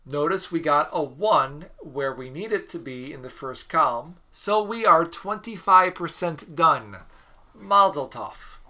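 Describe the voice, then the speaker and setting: A man's voice: fairly high pitch, animated, measured pace, sharp tone. A man teaching a recorded math mini lecture, working problems aloud in a chatty, joking way. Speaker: math instructor.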